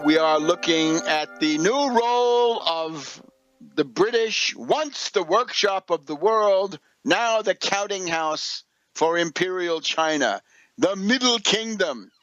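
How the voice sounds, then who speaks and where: Here a radio host, an American man doing political commentary, reads out articles and interjects with emphatic, opinionated and sardonic asides. His high-pitched voice is expressive, slow and fairly bright. The recording sounds muffled, with soft music in the background.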